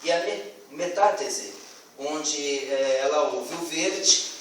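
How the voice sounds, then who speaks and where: Picked up from far away in a highly reverberant classroom, a man delivers a student presentation with frequent pauses, fillers and false starts. His voice is a little high and fairly bright, and a faint hiss sits behind it.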